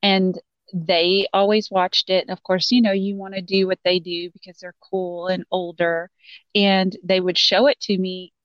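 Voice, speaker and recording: A woman's voice: on the low side, flat delivery, moderate pace, no room sound. Southern Texan woman, easygoing, dull audio. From Texas. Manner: easygoing, laughs often. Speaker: podcast guest. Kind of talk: casual podcast chat.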